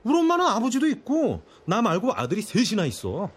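A man's voice: high voice, wildly swooping pitch, fairly quick, breathy edge, exaggerated voice. An actor playing a pedantic, teasing ex-husband in his late thirties who studies law. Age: 30s. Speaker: ex-husband studying for the bar. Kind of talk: TV drama acting.

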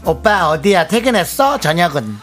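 A man's voice: high-pitched, sing-song, normal speed, over music. Man doing a fussing, doting girlfriend. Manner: naggy, doting questions. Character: fussing caring young girlfriend, nagging gently.

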